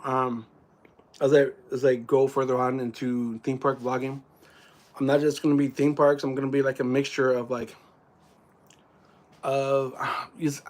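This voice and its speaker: A man, a theme park vlogger, chatting casually with viewers on a live stream, rambling with many restarts and fillers. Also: a little high.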